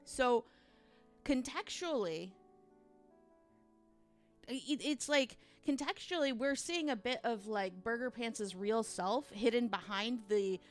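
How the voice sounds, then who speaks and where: Woman, higher-pitched voice, rambling fan-theory rant, emphatic, casual swearing, music in the background. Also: takes it slowly, long pauses. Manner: rambling, animated ranting with emphatic asides and swearing. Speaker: video game fan theorist.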